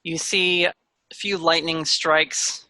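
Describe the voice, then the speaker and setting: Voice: mid-range voice, flat delivery, slow, bright, forceful tone, dry recording. A game master narrating a tabletop role-playing adventure in a casual, conversational way. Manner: casual and conversational, slipping between recap and banter.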